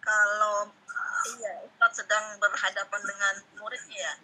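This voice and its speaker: Breathy, bright-voiced woman student. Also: mid-range voice, level tone, unhurried, poor audio. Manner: inquisitive, repeats words to practice. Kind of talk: asking questions in an online lesson.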